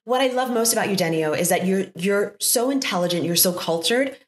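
A woman in her fifties hosting a conversation, speaking warmly and effusively with many fillers. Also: medium pitch, expressive, a little fast. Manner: warm and effusive, with lots of fillers. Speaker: podcast host. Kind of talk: casual interview conversation. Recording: echoey room.

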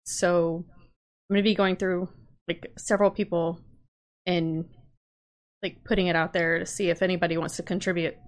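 Earnest woman with a lowish voice. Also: level tone, moderate pace, long pauses. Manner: earnest, explaining. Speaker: podcast guest. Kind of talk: casual chat.

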